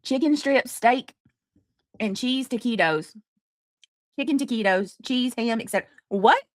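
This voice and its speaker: A woman's voice: a little high, a little slow, no echo. Woman, 40s, livestream host, chatty and teasing, dry close mic. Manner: chatty, teasing, chewing while talking. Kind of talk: casual livestream chat reading comments.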